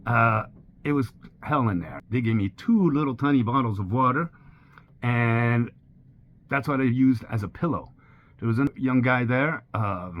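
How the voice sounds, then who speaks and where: A sailing vlogger in his sixties, whose first language is French, narrates his personal ordeal in a mid-range voice. His retelling is plain and candid, delivered at a steady pace. A faint hiss runs under the slightly dull recording.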